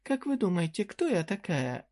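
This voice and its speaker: A woman's voice: lowish voice, very animated, moderate pace, warm tone, voice pushed up. Casting: narrator doing a shrewd fantasy merchant woman, raised voice, teasing and flirty, businesslike. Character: sly cheerful female dungeon merchant, shrewd. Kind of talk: audiobook character reading.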